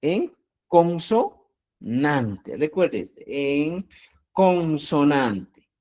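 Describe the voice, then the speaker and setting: Teacher for a live online class, mid-pitched, animated, quizzes students with questions, stretches words for emphasis. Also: drawn-out words. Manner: asks the class rhetorical questions and answers them. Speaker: Quechua teacher. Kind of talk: live online language lesson.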